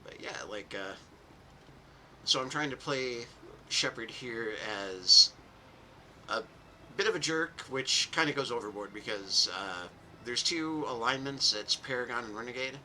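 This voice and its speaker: Young male streamer, very bright tone, faint hiss, chatty. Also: mid-range voice, a little slow, rough recording. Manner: rambling, self-mocking, casual. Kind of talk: gameplay commentary.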